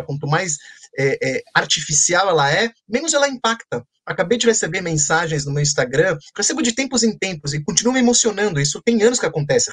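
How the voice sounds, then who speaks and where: A man telling stories with a slightly husky edge to his voice. His pitch swings widely as he goes, animated and playful. He is a children's author chatting in a conversation. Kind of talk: storytelling in a conversation.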